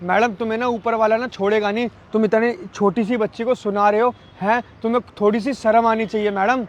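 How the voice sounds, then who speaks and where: A man's voice: high-pitched, fairly even intonation, fairly quick, highs cut off, lightly acted. A man acting as a kind passerby who stands up for a poor girl, recorded outdoors. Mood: reproachful. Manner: reproachful to the mother, gentle to the child. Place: outdoors by a parking area.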